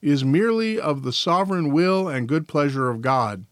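Podcast host guy reading church texts out loud, a bit high pitched, dry close sound, trips on words sometimes. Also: expressive, moderate pace, no echo. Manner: careful reading, now and then trips over words. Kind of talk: reading devotional and confession aloud.

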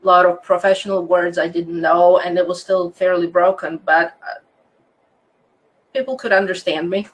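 A Croatian woman in her fifties, a land surveyor, is an interview guest speaking English with a Croatian accent. She tells her story chattily, laughing often and restarting sentences, in a lowish, steady voice at normal speed. The recording quality is low.

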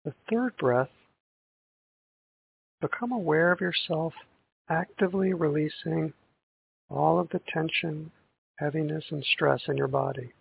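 A man guiding a breathing meditation in a calm, gentle, meditative tone, on a thin band-limited recording. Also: a little high, unhurried, creaky, long pauses. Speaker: meditation guide. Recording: tinny band-limited audio with hiss.

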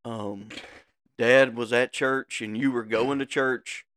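A man's voice: medium pitch, fairly even intonation, slow, a bit bright, clean tone. Joking man chiming in. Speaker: podcast co-host. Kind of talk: casual chat.

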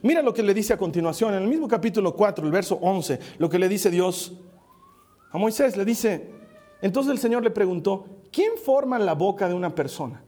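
A man preaches with a high, mellow voice. He keeps it confessional and animated, acting out little dialogues as he goes, and his pitch swings between soft low murmurs and raised, emphatic lines. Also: moderate pace. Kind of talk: sermon.

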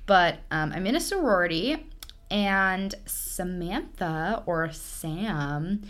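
A young woman hosts a casual podcast with a friend, bubbly and quick to joke. Her voice sits a little low for a woman, and she keeps the chat light and teasing. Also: lively intonation, a bit bright. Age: young adult. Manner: bubbly, chatty, jokey. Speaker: podcast host. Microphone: laptop-less lower-quality setup.

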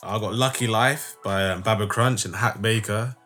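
A man's voice: lowish voice, normal speed, bright, forceful tone, soft background music. A man with a London accent chatting casually in a slangy, sweary roadman manner. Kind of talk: casual chat.

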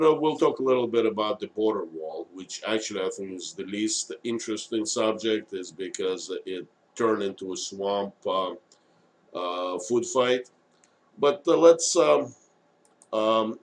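Man, fairly low voice, unhurried pace, halting delivery, lots of ums, solo live-stream commentary. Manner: halting, frequent long hesitations and filled pauses. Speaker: live stream host, independent political commentator. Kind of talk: unscripted monologue to live stream audience.

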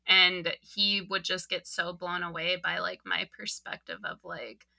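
Woman podcast cohost, gravelly and bright, swears a lot, candid. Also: lowish voice, little pitch movement, unhurried. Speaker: podcast co-host. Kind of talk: casual chat.

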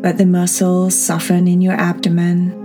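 A woman guiding a children's meditation as a podcast host, speaking in a soft, soothing, breathy manner. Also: fairly low pitch, completely flat delivery, normal speed. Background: new-age music.

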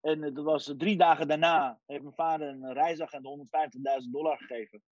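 A man in his forties from Iran, a guest telling his life story in a lively casual way, sprinkling in English phrases. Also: on the high side, a little fast, dry recording. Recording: dry, dull lo-fi sound.

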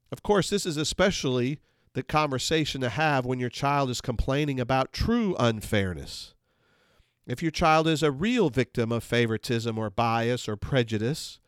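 A man speaks in an earnest, measured way, teaching parents on a faith-based podcast. His mid-range voice comes through a close mic with a dry, dead sound and no room echo. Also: medium pitch. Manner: earnest, measured instructional delivery. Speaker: podcast host.

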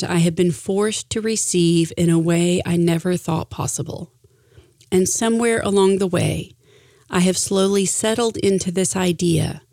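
A middle-aged woman reading a personal reflection aloud in an earnest, deliberate way with emphatic phrasing. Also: on the low side, creaky, warm tone, no room sound, clean studio sound. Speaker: speaker sharing a personal reflection.

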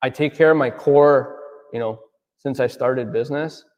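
During a relaxed interview, a man in his thirties who runs an auto detailing business rambles on at a moderate pace, padding with fillers and saying "right?" a lot. His voice sits in the mid range, and the recording sounds dull with a long reverb tail.

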